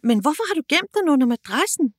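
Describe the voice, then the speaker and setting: A woman's voice: sits high, very animated, no room sound, studio quality, pitched above the performer's own voice. A woman voicing a bossy older sister who scolds her brother in a children's audiobook. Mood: exasperated. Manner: scolding, exasperated.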